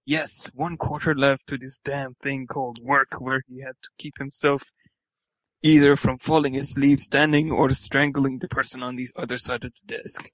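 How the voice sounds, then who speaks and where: A man's voice: medium pitch, flat delivery, normal speed, a bit bright, no room sound, poor audio. A man reading fan fiction aloud for laughs, stumbling over words and swearing at the text. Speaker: reader.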